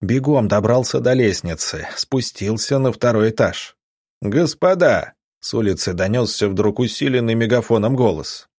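A man's voice: moderate pace, few pauses, darkish tone, breathy edge, no room sound, clean studio sound. A man narrating an audiobook, raising his voice for the characters' lines. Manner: voices characters with raised pitch.

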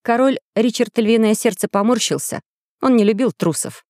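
A woman narrating a children's adventure story aloud, lively and expressive, recorded close and dry. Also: fairly high pitch, normal speed, no echo. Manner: lively, voices every character. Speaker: audiobook reader.

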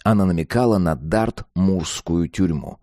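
A man narrating an audiobook in a steady, even storytelling manner. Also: low-pitched, measured pace, no room sound, studio quality.

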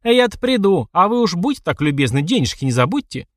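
A man's voice: sits high, big pitch swings, fast talker, no room sound, studio quality, voice pushed up. A man voicing a bold, cheeky teenage girl in an audiobook, talking brashly and mockingly.

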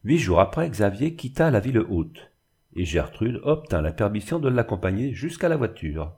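A man giving a measured, expressive scripted narration of a classic novel as an audiobook reader. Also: fairly low pitch, slightly rough.

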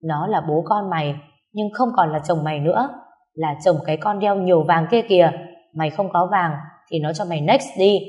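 A woman voicing a blunt, foul-mouthed young woman who loudly scolds her friend. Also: on the low side, brisk, close to an everyday voice. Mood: scolding. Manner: scolding, harsh and loud.

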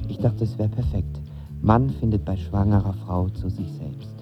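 Speaking at a normal speed, a young adult actor with a voice on the low side gives a lightly acted turn as a lovestruck, impulsive young man reflecting intimately on his romance, audio drama style. Music sits behind the dull studio recording.

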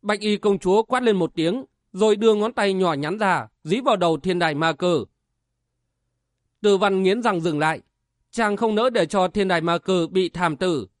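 A man's voice: high-pitched, normal speed, dry recording, clean studio sound. A man narrating a martial-arts novel as an audiobook with vivid, dramatic storytelling.

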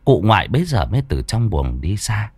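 A man, narrating a ghost story in a dramatic, expressive way. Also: on the low side, fairly quick, slightly rough, no room sound.

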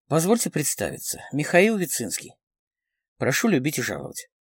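A man reading the part of a smooth, confident man around forty who speaks in a pleasant baritone, in a dry close recording. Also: wildly swooping pitch, normal speed, no echo, full character voice. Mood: suave.

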